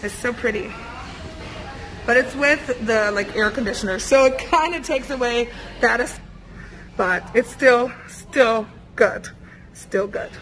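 A young woman vlogs while walking through a busy indoor buffet restaurant, holding the camera at arm's length amid noisy restaurant ambience. Her voice is a little high and a bit bright, at a measured pace. She talks in a chatty, rambling way with many fillers.

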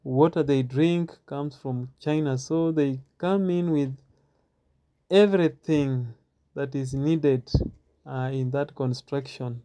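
A man giving a walking stadium tour outdoors, talking haltingly with many filler pauses and repeats, recorded on a handheld phone. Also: medium pitch, warm tone. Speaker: tour guide.

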